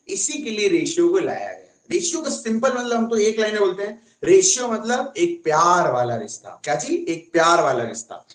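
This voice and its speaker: A man's voice: sits high, roomy sound, low-quality recording. A man teaching a casual online maths class in a chatty way, often asking his students questions.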